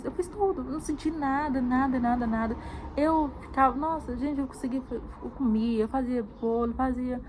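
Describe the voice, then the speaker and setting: A woman's voice: fairly high pitch, noisy background. A woman from Brazil recounting a painful personal experience to her viewers, repeating words often and calling out to them directly. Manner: repetitive, emotional, addresses viewers as "gente". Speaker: mother sharing her story. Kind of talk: emotional personal testimony.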